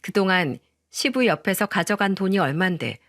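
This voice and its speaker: A woman's voice: medium pitch, expressive, normal speed, a bit bright, no echo. Female storyteller, first-person narration, dry close sound.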